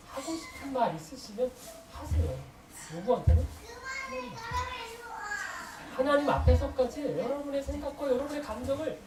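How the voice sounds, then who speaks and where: A woman pastor preaching a sermon in an emphatic, conversational way, asking the congregation rhetorical questions. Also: high-pitched. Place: church sanctuary. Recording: echoey room, voice distant from mic, noisy.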